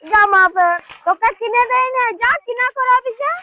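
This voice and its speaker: Woman, whiny, rushed, comedy skit, faint hiss. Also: extremely high pitch. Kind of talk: rural comedy skit dialogue.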